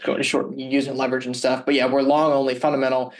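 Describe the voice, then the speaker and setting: A young man with a boyish voice hosts a podcast in a casual, conversational way. His intonation stays very even, with little rise and fall. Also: medium pitch, fast talker. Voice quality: boyish-sounding voice. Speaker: podcast host. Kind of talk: casual interview chat.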